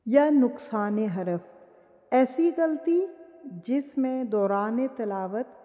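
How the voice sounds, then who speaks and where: A woman teaching the rules of Quran recitation, explaining slowly and carefully and drawing out each example word. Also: fairly high pitch, lively intonation, warm tone, big-room sound. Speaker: tajweed teacher.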